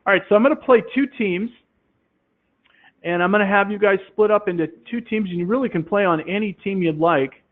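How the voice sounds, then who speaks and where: A man demonstrating a classroom quiz game, explaining in a relaxed way with many fillers into a headset. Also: high-pitched, brisk. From Minnesota, USA. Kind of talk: software demonstration talk. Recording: tinny phone-like line.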